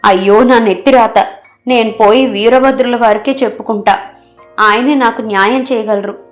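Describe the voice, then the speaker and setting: A woman's voice: medium pitch, moderate pace, soft background music, natural voice. A woman voicing a clever young palace maid who pleads and wails dramatically in a storybook. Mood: wailing. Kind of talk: storybook character voice.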